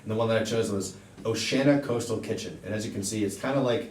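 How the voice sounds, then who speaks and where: A young man makes a persuasive, emphatic sales pitch in a fairly low voice. He sounds distant from the microphone in an echoey room, presenting like a venue salesperson. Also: fast talker, a little mellow. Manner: persuasive, emphatic with repeated assurances. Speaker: event venue salesperson in a role play. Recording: echoey room, distant mic, faint rumbling noise.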